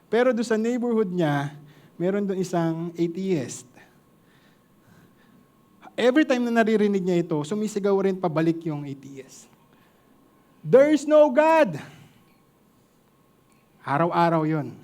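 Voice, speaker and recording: A man's voice: sits high, moderate pace, pauses often, a little mellow. A man with a Filipino accent preaching a sermon to a congregation, mixing two languages and joking with the listeners.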